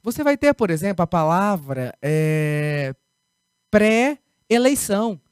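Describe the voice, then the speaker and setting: A man's voice: fairly high pitch, sing-song, unhurried, smooth, no room sound, studio quality. A man with a Brazilian Portuguese accent teaching grammar in a recorded video lesson, emphatic, repeating key words and asking rhetorical questions.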